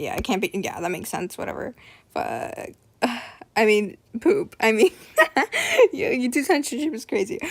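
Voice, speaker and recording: A young woman streaming live, chatting casually, nervous and apologetic, rambling with lots of fillers. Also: medium pitch.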